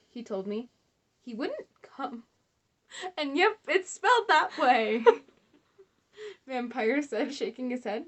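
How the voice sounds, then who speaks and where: A young woman casually reading fan fiction aloud, breaking off for sarcastic, laughing, swearing asides. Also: a little high. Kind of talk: casual comedic read-along.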